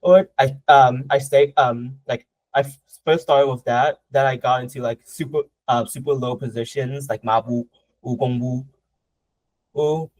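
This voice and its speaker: A man's voice: mid-range voice, fairly even intonation, measured pace, a little mellow, dry recording, poor audio. A young man from Southern Vietnam, answering interview questions casually, with a lot of hesitation, fillers and restarts. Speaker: guest martial artist.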